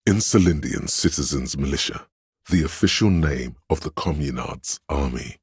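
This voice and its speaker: A man voices a solemn, learned inner voice of trivia for a video game, with an exceptionally deep, heavily husky, slightly mellow tone. His delivery is measured and erudite, like scripted narration of obscure facts, and heavily acted. The recording is close and dry.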